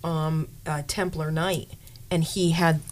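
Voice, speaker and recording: Middle-aged female co-host, animated, acts out quotes, casual chat. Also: low voice, slow pace, noisy background. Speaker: podcast co-host.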